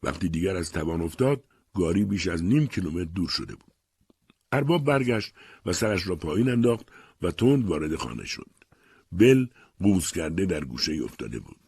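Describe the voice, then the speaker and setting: Male audiobook narrator, low husky voice, animated delivery. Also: no echo. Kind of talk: scripted narration.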